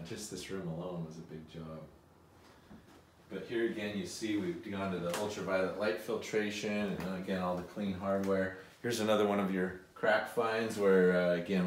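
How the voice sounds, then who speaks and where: A middle-aged man giving a casual guided tour of a museum's restored rooms, often pausing with fillers as he walks and explains. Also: low-pitched, far from the mic, a little hiss or hum. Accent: Pacific Northwest American. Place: large empty house museum rooms with bare walls, indoors. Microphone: handheld phone camera following him, often several steps away. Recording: roomy echo, speaker off mic.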